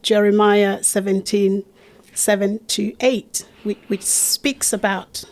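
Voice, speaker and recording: A woman's voice: medium pitch, little pitch movement, takes it slowly. A middle-aged woman from Uganda, a guest in an interview, talking earnestly about teaching and her charity with frequent restarts. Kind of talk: conversational interview.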